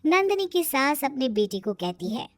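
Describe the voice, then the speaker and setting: A woman narrating a cartoon story in scripted, expressive storytelling. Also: sits high, normal speed, dry recording, clean studio sound.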